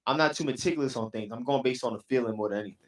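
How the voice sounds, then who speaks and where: A man's voice: medium pitch, rapid-fire. Laid-back young New man. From New York City. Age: young adult. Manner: laid-back, repeats "you know what I'm saying". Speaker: rapper and producer, guest. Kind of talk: casual interview chat.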